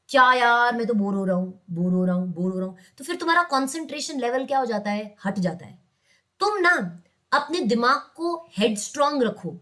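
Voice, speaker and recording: High-voiced Indian woman teaching law. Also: a bit bright. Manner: mixes English terms into Hindi, quizzes students; calls students "beta", coaxing and chatty. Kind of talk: online class lecture.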